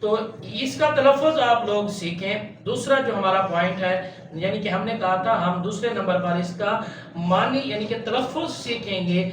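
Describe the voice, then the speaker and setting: A man teaching Quran recitation step by step, patiently spelling out letters and chanting long drawn-out syllables. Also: high voice, recorded from a distance. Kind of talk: step-by-step tajweed lesson. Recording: echoey room, voice off-mic, faint hum.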